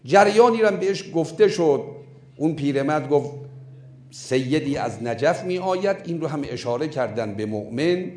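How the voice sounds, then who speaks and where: Male preacher, emphatic storyteller with a lively pitch, recorded in an echoey room. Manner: animated, emphatic storyteller, slowing down for key points. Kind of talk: sermon storytelling.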